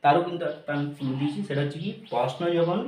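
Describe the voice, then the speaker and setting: A man teaching grammar, mixing English phrases into his explanations, repeating each point and checking whether his students are clear. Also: on the high side, rapid-fire, darkish tone, echoey room.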